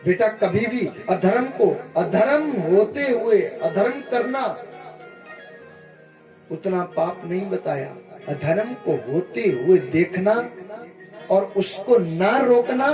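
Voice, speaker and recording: A man's voice: sits high, animated, slow pace. A male devotional preacher telling a scripture story in a dramatic, emphatic sermon and calling on listeners to chant. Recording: echoey room with music behind.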